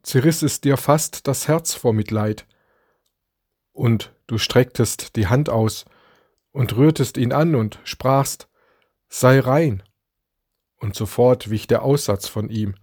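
Male preacher, unhurried scripted devotional reading, dry booth-like sound. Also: mid-range voice, a little mellow, dry recording. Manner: slow, deliberate reading with dramatic quoted lines. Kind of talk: read Advent devotion.

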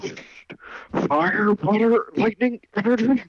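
A man's voice: sits high, slow pace, slightly rough, no echo, full character voice. A man voicing a haughty rich teenage girl who lectures in a snooty tone. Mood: scolding. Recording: dull lo-fi mic.

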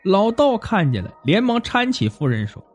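A man narrating a folk tale in an animated, expressive way. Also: high voice, normal speed, faint music behind. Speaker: storyteller.

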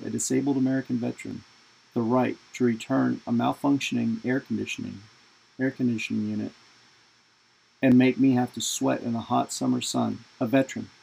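Man voicing older Boston dad, pushy, foul-mouthed, sarcastic, raspy, gravelly. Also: medium pitch, a little mellow, low-quality recording. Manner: gruff, sarcastic, bullying.

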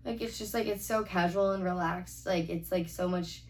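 A woman's voice: fairly low pitch, steady tone, normal speed, darkish tone. Rambling young woman, a bit off-mic. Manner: rambling, heavy use of "like", swears casually. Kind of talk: casual chat. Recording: slightly distant mic, faint background noise.

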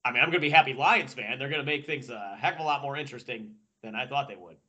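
A man talks sports casually as a podcast analyst. His voice is mid-pitched, bright and forceful. He speaks like an invested fan, colloquial and emphatic, repeating phrases for effect. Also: quick pace, highs cut off. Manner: animated fan talk, emphatic repetition, colloquial. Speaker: podcast panelist and football analyst.

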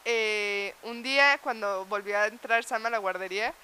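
A woman's voice: mid-range voice, fairly even intonation, normal speed, sharp tone, smooth. A young woman with a Mexican accent, telling a story in casual chat. She swears freely and animates the tale with laughter.

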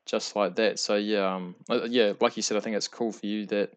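Nz guy hosting, lowish voice, chatty slang, long wandering questions. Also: steady tone, moderate pace. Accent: New Zealand. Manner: friendly, informal slang, rambling questions. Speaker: interviewer, podcast host. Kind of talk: casual interview chat.

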